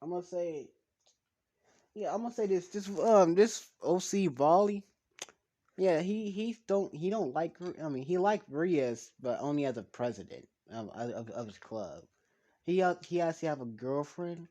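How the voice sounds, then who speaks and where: A man's voice: fairly high pitch, animated, moderate pace, mellow, muffled recording. A man telling a fan story in casual talk, rambling with many restarts and fillers.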